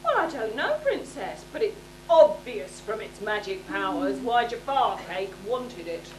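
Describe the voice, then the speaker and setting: A woman's voice: on the high side, big pitch swings, a little slow. A woman in an amateur stage pantomime playing Aladdin, a cheeky young hero, with playful, teasing delivery. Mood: cocky. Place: hall stage with audience, distant microphone. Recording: echoey hall, distant, crowd and noise.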